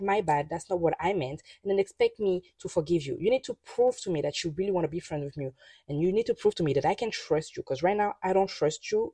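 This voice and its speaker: A woman's voice: lowish voice, darkish tone, husky, dry recording, distant mic. A woman hosting a casual podcast, giving blunt, opinionated commentary. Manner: opinionated, blunt, rising to exasperated outbursts. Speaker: podcast host.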